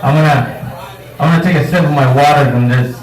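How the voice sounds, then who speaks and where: A man's voice: on the high side, fast talker, background noise. A man doing a live stand-up set at a bar comedy night, talking casually and profanely on a handheld mic, with self-mocking crowd work. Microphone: handheld microphone. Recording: roomy bar sound from a distance.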